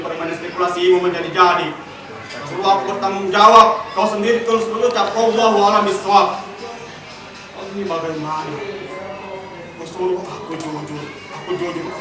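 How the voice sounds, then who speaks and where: A man giving a dramatic poetry recitation at a contest, emphatic and rhetorical, swinging between loud lines and hushed questions. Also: high-pitched. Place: large hall at a contest. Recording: echoey hall from far off with crowd.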